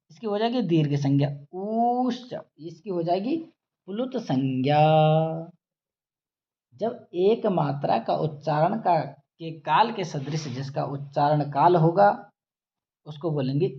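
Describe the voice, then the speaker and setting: A male Sanskrit grammar teacher giving a slow lecture, chanting rules and then explaining them, and stretching vowels out to show their length. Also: high voice. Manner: drawls out vowels to demonstrate length. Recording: dull lo-fi audio.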